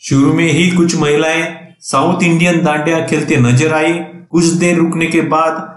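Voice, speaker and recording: Man, travel vlog narration, steady scripted delivery, roomy echo, faint background noise. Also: a little high, normal speed. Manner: steady, plainly read narration with practical tips. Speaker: travel vlogger.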